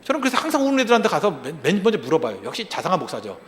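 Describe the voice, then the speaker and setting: A male pastor delivering an animated sermon, firing rhetorical questions at the congregation and acting out short quoted lines. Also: high-pitched, very fast. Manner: acts out short quoted lines in other voices. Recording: long reverb of a large hall.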